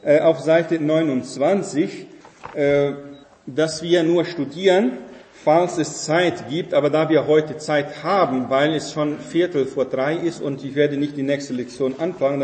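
A man's voice: mid-range voice, mellow. A man teaching a Bible study class, explaining step by step and often checking in with his listeners. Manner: explanatory, keeps asking listeners "ne?" and "versteht ihr?". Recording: echoey hall reverb.

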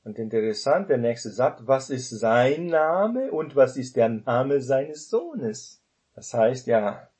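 A man's voice: medium pitch, very animated, slow, a little mellow. A man giving an informal Bible study talk, explaining verses conversationally with many filler tags and restarts. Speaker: Bible teacher.

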